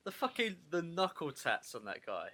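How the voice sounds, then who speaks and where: Sweary man with a higher voice. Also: wildly swooping pitch, normal speed, sharp tone. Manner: sweary, laughs a lot. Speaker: podcast co-host. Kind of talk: casual chat.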